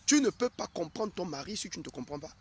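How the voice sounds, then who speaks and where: A man preaching a live sermon in a high voice. He is direct and insistent, and he keeps circling back to the same pointed questions. A faint outdoor noise hums behind him. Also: expressive, quick pace. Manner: direct, hammering with repeated questions to the listener. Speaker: prophet preaching to his followers.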